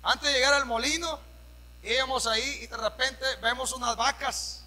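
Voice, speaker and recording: A Mexican pastor preaching a sermon, shouting at the peaks and dropping into casual storytelling with questions to the congregation. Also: male voice, very high-pitched, steady tone, moderate pace, in a large hall, low-quality recording. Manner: drops to a conversational storytelling tone for anecdotes. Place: church hall.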